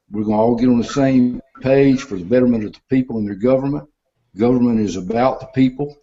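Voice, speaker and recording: A man's voice: mid-range voice, warm tone, highs cut off. An older man, a mayoral candidate on a video call, answering a forum question with plainspoken, repeated pledges.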